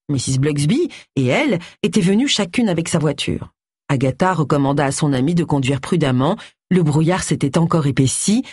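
A woman narrating a novel in an audiobook, expressive and shifting into a voice for each figure. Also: low-pitched, slightly rough, no room sound, studio quality. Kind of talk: scripted narration.

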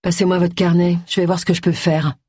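A woman voicing a rude, sulky young male actor, curt and grumpy, with a husky voice. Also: lowish voice, level tone, fast, warm tone, no echo, studio quality.

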